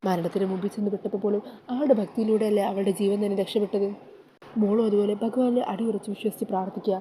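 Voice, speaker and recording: A woman's voice: mid-range voice, fairly even intonation, quick pace, mellow, slight background noise, close to an everyday voice. A woman voicing a devout mother who advises her daughter to pray. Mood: advising. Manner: advising, pious.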